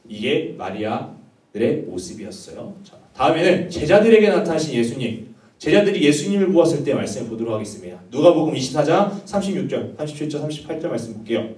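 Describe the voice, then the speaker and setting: A man's voice: medium pitch, darkish tone. A young man preaching to teenagers as a youth pastor, telling a story and asking his listeners questions. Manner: storytelling, asks the audience questions. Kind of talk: sermon to teenagers. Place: church hall. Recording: roomy echo, voice from far off.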